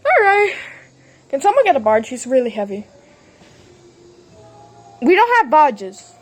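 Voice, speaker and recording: A woman's voice: high voice, sing-song, unhurried, faint music behind. A woman voicing all the characters in a playful homemade toy-train drama, jumping between silly character voices. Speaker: fan series voice actor.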